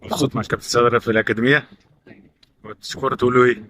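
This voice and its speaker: Brisk fast-talking Egyptian man interviewer. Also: medium pitch, fairly even intonation, a bit bright, slight background noise. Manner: brisk, repeats answers back. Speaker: interviewer at a youth football academy. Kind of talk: rapid-fire question interview.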